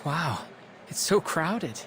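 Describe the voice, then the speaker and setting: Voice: medium pitch, sing-song, slow, slight background noise. An actor playing a sly, playful, confident scholar in a video game, with a wry, flowery, theatrical manner. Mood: playful, curious. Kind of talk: video game character dialogue.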